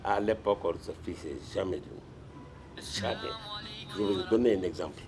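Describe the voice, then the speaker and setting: A man's voice: low-pitched, moderate pace, a crowd in the background. An older man from Guinea, a retired sports administrator telling stories in an interview, with frequent restarts and repetitions. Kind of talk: storytelling in a sit-down interview.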